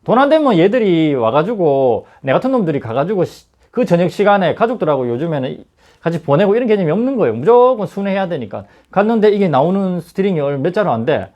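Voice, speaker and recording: A middle-aged man with a Gyeongsang accent tells his story to viewers, his voice sitting a little high and swinging widely in pitch. He moves between louder outbursts and quiet, muttered asides. The sound is dull and lo-fi. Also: very animated, quick pace. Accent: Gyeongsang Korean. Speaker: badminton shop owner.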